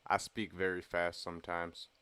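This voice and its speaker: A young man chatting casually on a late-night game stream, relaxed and rambling with lots of fillers. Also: low-pitched, normal speed, clear, resonant tone.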